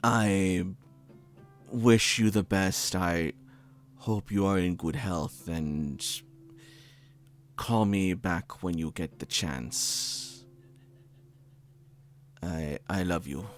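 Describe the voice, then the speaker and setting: A man playing a tender, formal man leaving a halting, hesitant late-night voicemail in a game. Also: low-pitched, faint music behind. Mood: tender, awkward.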